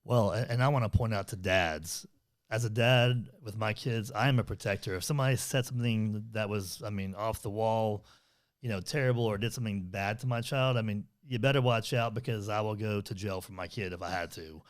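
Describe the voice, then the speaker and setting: A man's voice: lowish voice, brisk. A middle-aged man co-hosting a parenting podcast, talking earnestly and rambling, with many fillers and restarts. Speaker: podcast co-host. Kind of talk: casual conversational podcast chat.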